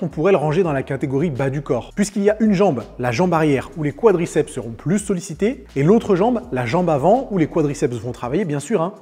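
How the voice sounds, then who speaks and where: A man explaining gym exercises in a quick, upbeat fitness tutorial, including a sponsor read. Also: fairly high pitch, warm tone, husky. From France. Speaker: fitness coach.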